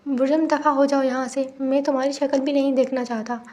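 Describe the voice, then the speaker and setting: A cold, scolding middle-aged father from a romance novel, voiced by a woman reading aloud. The voice stays high and level, with a soft, mellow tone. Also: flat delivery, a little fast, lo-fi sound. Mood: angry.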